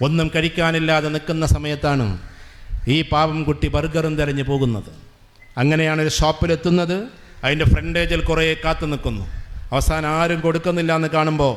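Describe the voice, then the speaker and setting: A man gives a motivational speech at a school, telling stories to students and teachers and slowing down to stretch words for emphasis. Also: fairly high pitch, flat delivery. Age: 40s. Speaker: guest speaker at a school.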